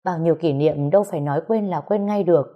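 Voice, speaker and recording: A woman narrating a written story in a steady, even way. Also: deep voice, fast, muffled recording.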